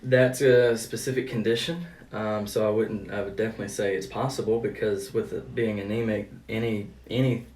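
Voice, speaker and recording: A man with a lowish voice explains his hands-on therapy in a casual, halting way. He is recorded some distance from the mic in an echoey room with slight noise. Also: fairly even intonation, darkish tone. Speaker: cupping therapist. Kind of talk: casual explaining during a treatment session. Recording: roomy, distant mic, noisy background.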